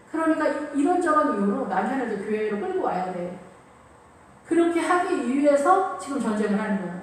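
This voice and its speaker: Woman pastor, sermon, emphatic conversational preaching, fairly high voice, very echoey church, faint noise. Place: church sanctuary. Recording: echoey room, voice from a distance.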